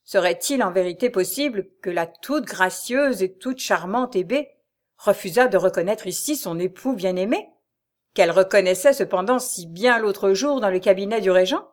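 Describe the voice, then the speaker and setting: Une femme qui lit un livre audio et prête sa voix à un mari vengeur, moqueur et froidement ironique. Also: female voice, medium pitch, animated, normal speed, lightly acted. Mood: sarcastic menace. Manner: mocking, cold and ironic. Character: sneering vengeful husband, a grown man. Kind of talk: audiobook reading of a serial novel.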